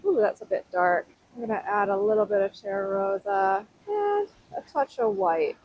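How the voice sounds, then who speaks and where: A woman's voice: medium pitch, big pitch swings, moderate pace. A woman painting outdoors by a waterfall, chatting through each step of her work. Her voice comes through a noise-canceling mic that makes it sound like she is talking into a tin can. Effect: muffled tin-can sound from a noise-canceling mic. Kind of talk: casual painting tutorial.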